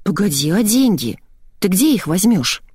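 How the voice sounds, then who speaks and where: A woman reading an audiobook voices a frightened, tearful young woman who squeals and pleads anxiously, in a husky voice. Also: medium pitch, sing-song, normal speed, mellow, no echo, studio quality. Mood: alarmed.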